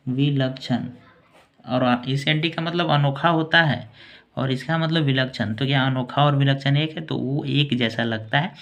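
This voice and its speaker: A man teaching English vocabulary in a casual, repetitive way, saying each word slowly and repeating it. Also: medium pitch, highs cut off. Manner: slow, repetitive word-by-word explaining.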